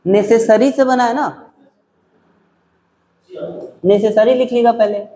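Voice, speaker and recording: Slow, syllable-stretching male teacher. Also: very high-pitched, fairly even intonation, warm tone. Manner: slow, drawn-out, repeats words syllable by syllable. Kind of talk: exam-prep English spelling lesson.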